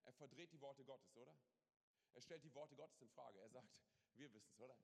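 A man preaching a sermon as pastor, animated, swinging from loud to hushed and dropping in English catchphrases. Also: mid-range voice, fairly quick, creaky. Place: large church hall. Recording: long hall reverb.

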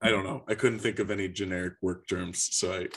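A man co-hosting a comedy podcast, joking in quick casual banter into a handheld microphone. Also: low voice, fairly even intonation, gravelly, fairly bright tone, slightly rough. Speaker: podcast co-host.

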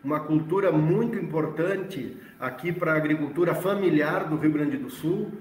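Echoey, distant Brazilian man explaining haltingly. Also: on the high side. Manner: halting, repeats words while searching for phrasing. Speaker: agricultural extension worker, interviewee. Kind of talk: explanatory presentation. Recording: roomy, echoey, distant from the mic.

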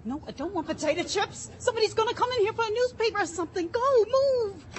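Frantic nagging accomplice, very high voice, swooping pitch, faint hiss behind. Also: female voice, expressive, fast. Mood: exasperated, panicky. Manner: sharp, exasperated, urgent. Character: panicky nagging female accomplice.

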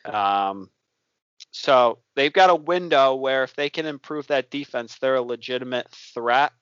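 Casting: male sports co-host, mid-pitched, easygoing and self-mocking, talking over a dull, dry lo-fi line. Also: unhurried, fairly bright tone, dry recording. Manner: loose and self-deprecating, many ums. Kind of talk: casual sports chat.

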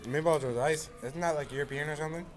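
A man's voice: fairly high pitch, quick pace, soft background music. A man chatting casually about food, rambling and playful, repeating words, sounding a bit stuffy.

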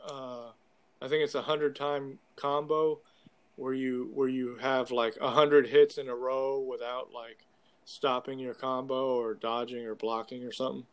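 A young man talks casually about video games like a frat bro, full of loose slang and plenty of swearing. His mid-range voice stays level and unhurried.

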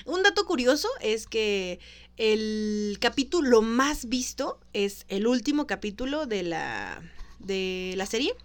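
Lively high-voiced Mexican woman. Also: takes it slowly. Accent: Mexican Spanish. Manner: laughs often, acts out characters' lines. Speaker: podcast co-host. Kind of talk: casual chat recapping a sitcom episode.

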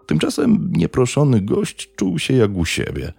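A man narrating a true crime story in a measured, dramatic way. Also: mid-range voice, huge pitch swings, creaky, dark tone, breathy edge, no room sound, soft background music.

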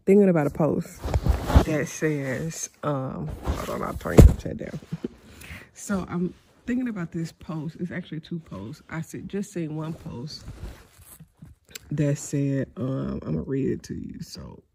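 A woman talking slowly to her camera while lying in bed, freshly awake and yawning. Her voice is dark and gravelly, and she rambles in a reflective way, filling her pauses with ums. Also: low voice, slight background noise. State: just woke up, yawning. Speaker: vlogger. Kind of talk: casual talk to camera.

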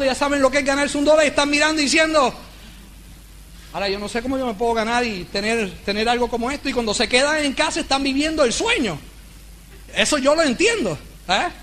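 A man's voice: extremely high pitch, a little hiss or hum. A middle-aged man giving a motivational business talk to a live audience, telling stories and acting out dialogues. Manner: animated storyteller who acts out dialogues.

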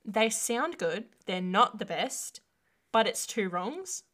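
A woman's voice: medium pitch, lively intonation, slow pace, fairly bright tone. A woman co-hosting a podcast in playful, giggly casual chat. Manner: giggly, playful, often laughing. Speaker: podcast co-host.

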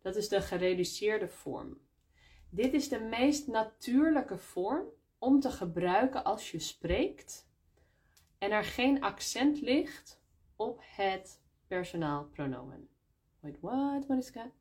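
A woman teaching her native Dutch in a live Q&A stream, recorded on a phone. She speaks at an unhurried, deliberate pace, repeating each word in Dutch and then English. Her voice sits at a middle pitch. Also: lively intonation, darkish tone. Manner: explains slowly, repeating words in Dutch and English.

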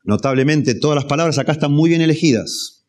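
A man preaching an expository sermon, measured and repeating key phrases for emphasis. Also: fairly high pitch, darkish tone. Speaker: pastor.

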